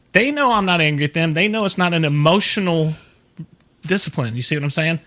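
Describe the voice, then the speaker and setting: A man's voice: on the high side, bright, forceful tone. A middle-aged man hosting an advice show, explaining in a casual, conversational way and often checking that listeners follow.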